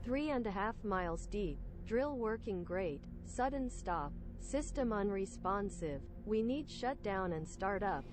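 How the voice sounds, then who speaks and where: A man putting on a robotic phone translator voice, high and stiff. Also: expressive, over music. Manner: halting, word-by-word machine delivery. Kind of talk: comic podcast storytelling.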